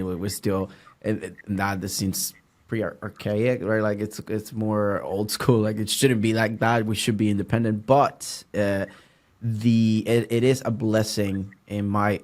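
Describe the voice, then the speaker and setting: A Puerto Rican man with a fairly low voice hosts a relaxed podcast conversation in English, his second language after Spanish. He stops and restarts often, filling gaps with "uh.". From Puerto Rico. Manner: halting, many restarts and fillers. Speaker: podcast host. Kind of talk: casual interview chat.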